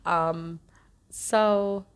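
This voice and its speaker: Casting: woman podcast host, slightly low voice, earnest and reflective, casual solo talk. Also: steady tone, extremely slow, smooth. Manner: reflective, earnest, self-correcting.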